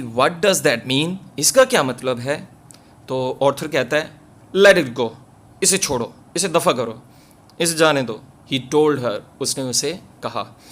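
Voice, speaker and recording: A man teaching English, reading each phrase slowly and giving several translations for it, one after another. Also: on the high side, fairly bright tone. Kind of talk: line-by-line reading and translation lesson.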